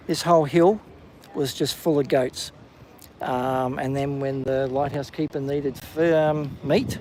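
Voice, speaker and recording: A man's voice: fairly high pitch, a little hiss or hum, low-quality recording. Chatty man streaming outdoors. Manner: casual, chatty, lots of ums, excited calling out whales. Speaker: live-stream host. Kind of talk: live walking vlog commentary. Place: outdoors on a coastal clifftop walk.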